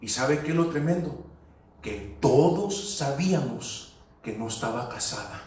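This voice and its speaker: A man's voice: medium pitch, expressive, measured pace, darkish tone, slight background noise. A man preaching a sermon, telling stories and slipping into English phrases. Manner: storytelling, switching into English phrases. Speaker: pastor. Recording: echoey hall, voice from far off.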